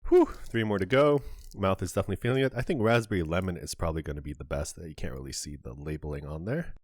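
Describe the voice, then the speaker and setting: Low-voiced man reviewing candy on camera. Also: fast, no room sound, studio quality. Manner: chatty, describes flavors in detail with small asides. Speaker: candy reviewer, channel host. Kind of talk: casual on-camera taste review.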